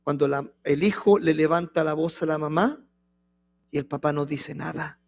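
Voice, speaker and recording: A man's voice: on the high side, normal speed, vocal fry. A male pastor preaching a sermon, reading scripture aloud with emphasis and throwing rhetorical questions at the congregation.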